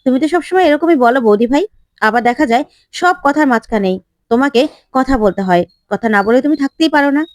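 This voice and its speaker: A woman's voice: high-pitched, expressive, quick pace, no echo, studio quality. A woman voicing a teasing young brother-in-law.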